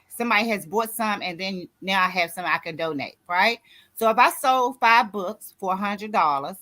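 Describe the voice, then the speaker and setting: A woman's voice: mid-range voice, bright, forceful tone. A woman in her sixties, an author and grief coach, giving a motivational talk in a preachy way and often asking "you see what I'm saying?". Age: 60s.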